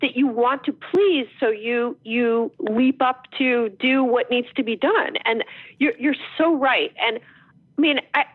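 Middle-aged jersey woman chatting on a tinny phone line, kinda high voice, lots of restarts. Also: slightly rough, no echo. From New Jersey, USA. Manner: animated storyteller, quick restarts. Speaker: author guest. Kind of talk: casual interview chat.

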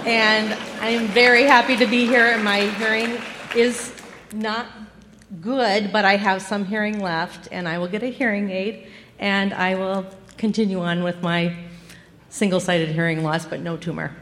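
A middle-aged woman in the audience telling a lively, animated personal story. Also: medium pitch, normal speed. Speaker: audience member. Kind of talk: live Q&A comment. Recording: echoey hall with faint noise.

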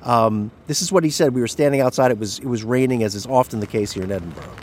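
A male news correspondent talks through a story in a conversational way, restarting phrases now and then as he explains. His voice sits at an ordinary pitch. A faint hiss stays under the recording. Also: fast talker, a little mellow. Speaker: radio correspondent.

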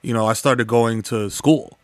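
A Bronx man in his thirties or forties, a native Spanish speaker with a New York accent, chats casually as a guest in a conversational interview. He laughs often and fills his speech with slang and fillers. His voice is medium-pitched and steady, his pace measured, with no room sound.

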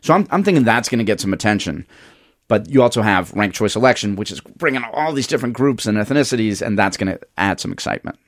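A man on a radio panel, speaking in a measured, analytical way. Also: fairly low pitch, animated, dry recording, clean studio sound. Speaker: panel guest.

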